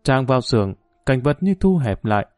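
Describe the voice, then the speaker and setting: A man narrates a story in a steady, even telling voice. His pitch sits in the middle for a man. The recording is dry and close, with faint music behind. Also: brisk, no room sound. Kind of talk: audiobook narration.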